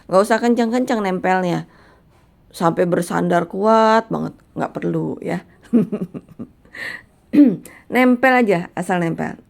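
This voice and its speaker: Woman, middle-aged, gentle recitation teacher, slow and patient, gravelly low voice. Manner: gentle, encouraging, demonstrates sounds slowly. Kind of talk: patient spoken lesson on letter pronunciation.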